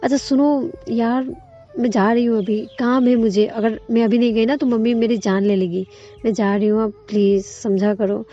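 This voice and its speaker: A woman's voice: fairly high pitch, fairly even intonation, normal speed, mellow, lo-fi sound, faint music behind, lightly acted. A woman voicing a young woman who is a curt, teasing, sulky girlfriend. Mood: hurried.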